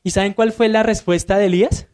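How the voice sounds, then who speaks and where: High-voiced deacon teaching. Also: male voice, fairly even intonation, fast talker, darkish tone, a little hiss or hum. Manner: emphatic, asks listeners rhetorical questions. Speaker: deacon teaching Sunday school. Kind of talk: Bible teaching.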